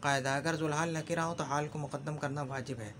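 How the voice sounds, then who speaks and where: A man teaching Arabic grammar in a lesson, slowly repeating example phrases and often checking that the listener follows. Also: on the high side, fairly even intonation, a bit bright, slight background noise. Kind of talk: explanatory lesson.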